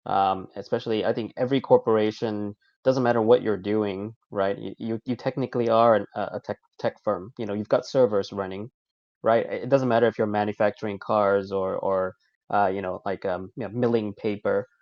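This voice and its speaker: A man speaking haltingly with many restarts and fillers as a panelist in a casual panel discussion. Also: fairly low pitch, fairly even intonation, dry recording, dull audio. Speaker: incident response panelist.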